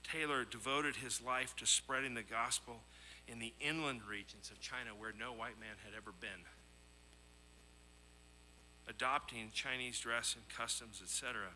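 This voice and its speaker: A preacher with a mid-range, bright, forceful voice speaks at normal speed on a rough recording with slight hiss or hum. His sermon mixes scripture readings and illustrative stories, delivered earnestly with emphatic repetition and rhetorical questions.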